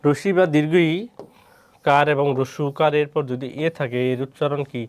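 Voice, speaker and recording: A man's voice: fairly high pitch, fairly even intonation, fairly quick, clear, resonant tone. Man quizzing students aloud. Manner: quizzing, answers his own questions, repeats words. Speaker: teacher. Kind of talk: exam-prep lesson.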